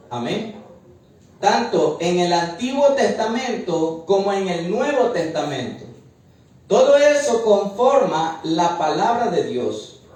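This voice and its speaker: A man's voice: high-pitched, a little mellow. A male preacher teaching a Bible study, explaining patiently and often ending his points with "amén". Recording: very echoey room, far from mic.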